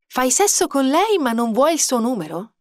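A woman's voice: high-pitched, very animated, moderate pace, dry recording, pitched above the performer's own voice. Female reader voicing an indignant young woman, reproachful, dry close mic. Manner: reproachful, confronting.

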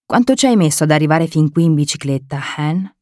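A hardy elderly grandmother with a teasing, reassuring way of talking, voiced by a woman reading aloud. She sits slightly above the reader's usual pitch and speaks up. The sound is dry and close, with no room around it. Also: lively intonation, brisk, warm tone, no echo. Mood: pleading. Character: elderly grandmother, tough and joking.

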